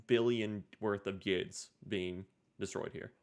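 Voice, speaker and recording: A man's voice: on the low side, steady tone, slow, darkish tone, clear, resonant tone. A young man co-hosting a casual tech podcast, explaining things step by step and checking in with his co-host.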